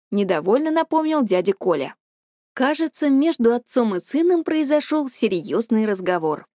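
Woman, audiobook narration, measured storytelling, dry close mic. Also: a little high, darkish tone, no echo. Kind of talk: scripted narration.

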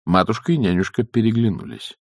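A man reading an audiobook in a theatrical, lively way. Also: lowish voice, a little fast, creaky, no echo, studio quality. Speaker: audiobook narrator.

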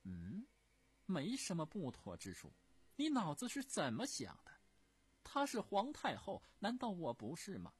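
A male storyteller voicing an imperious, furious old empress dowager who scolds in a shrill, haughty voice. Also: big pitch swings, a little slow, few pauses.

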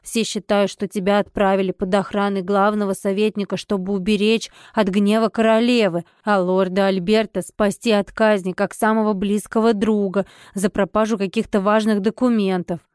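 Женщина изображает хитрого домашнего помощника-сплетника. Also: female voice, mid-range voice, little pitch movement, normal speed, hardly any pauses, a little mellow, clear, resonant tone, dry recording, studio quality, lightly acted. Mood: conspiratorial.

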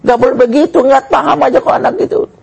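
A male preacher voicing a mother who scolds her husband to defend their son, in a shrill, reproachful tone. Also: animated, fast talker, vocal fry, a little mellow, heavily acted. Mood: scolding.

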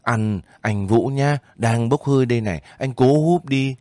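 A devoted young soldier, coaxing and homely, in a dry, close storybook reading, as a male narrator puts him on. The voice sits a little higher and fuller than plain narration. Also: a little slow, dark tone, dry recording, lightly acted.

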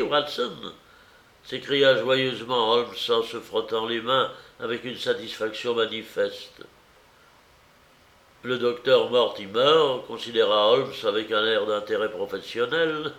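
Male narrator, unhurried reading, echoey room sound. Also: fairly low pitch, fairly bright tone. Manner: slow, measured reading. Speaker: audiobook reader. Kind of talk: scripted narration.

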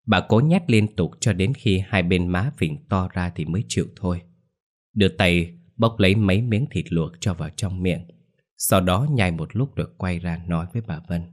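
A man narrating a horror story in a steady, descriptive storytelling manner. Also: low-pitched.

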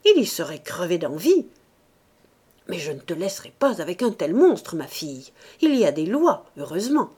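A woman's voice: sits high, very animated, unhurried, darkish tone, voice pushed up, heavily acted. A woman voicing an elderly self-righteous bourgeois mother who laments plaintively in an audiobook. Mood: indignant lament. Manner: indignant, plaintive.

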